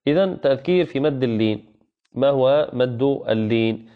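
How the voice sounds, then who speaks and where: Male tajweed teacher, patient, repeats key points and chants examples slowly; medium pitch, slightly muffled recording. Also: lively intonation. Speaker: Quran recitation teacher. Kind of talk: online tajweed lesson.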